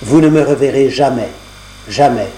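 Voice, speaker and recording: A man's voice: mid-range voice, moderate pace, mellow, lightly acted. A man voicing a brave young knight hero who speaks boldly, on a roomy cassette recording with a faint hum.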